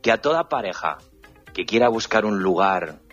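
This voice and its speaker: A man's voice: fairly low pitch, expressive, normal speed, fairly bright tone, dull audio, soft background music. A man in his forties from Toledo, a guest on a radio show, telling historical anecdotes with enthusiasm. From Spain (Toledo). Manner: enthusiastic, storytelling, explanatory. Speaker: guest, guided-tour historian. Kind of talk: radio interview.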